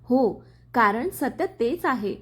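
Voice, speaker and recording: A woman's voice: a little high, lively intonation, slow, slightly rough, heavily acted. A woman voicing a young husband who speaks firmly and earnestly in a story reading. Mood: stern. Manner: firm, earnest. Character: young husband, firm and protective.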